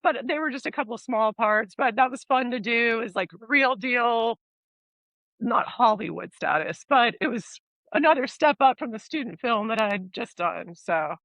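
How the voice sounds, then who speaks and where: A woman's voice: on the high side, animated, moderate pace, fairly bright tone, dry recording, low-quality recording. A woman actress being interviewed as a guest, telling stories in an easygoing way and laughing along. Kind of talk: casual interview chat.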